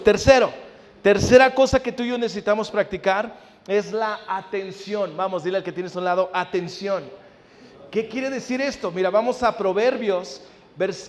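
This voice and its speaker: A male pastor with a high-pitched voice preaches, often addressing listeners directly and dramatizing family conversations in his anecdotes. The recording has slight background noise and long hall reverb.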